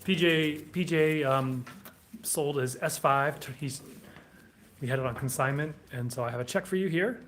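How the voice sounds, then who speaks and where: A man's voice: on the high side, normal speed, a bit bright, slight background noise. A man co-hosting a sword shop live stream, reading viewer comments aloud in a casual way.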